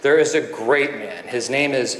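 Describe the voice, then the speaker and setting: A man's voice: mid-range voice, moderate pace, background noise, natural voice. A man voicing a confident young medical student who proclaims his ambitions with pride. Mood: proud. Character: confident, visionary young male med student. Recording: echoey hall.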